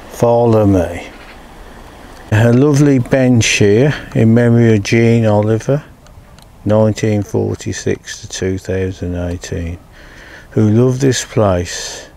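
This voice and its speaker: Filming his own vlog while riding along a canal towpath, this older English man talks casually in a lowish, gravelly, dark-toned voice. His chatty patter is full of "folks" and "follow me," picked up on a cabled mic.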